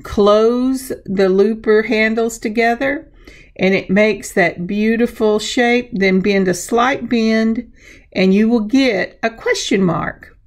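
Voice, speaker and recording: A woman with a gravelly voice gives casual hands-on craft instruction, chatting and narrating her own steps in an unhurried way. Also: a little high. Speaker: craft tutorial host.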